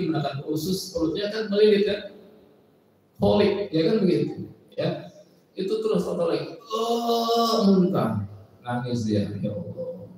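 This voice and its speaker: Male trainer, animated lecture style; distant pickup in a reverberant hall with faint ambience. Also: a little high, a little hiss or hum. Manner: animated, asks audience questions, acts out patients' words. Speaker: massage therapy trainer. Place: large indoor hall at an Islamic boarding school. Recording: echoey hall, mic far off.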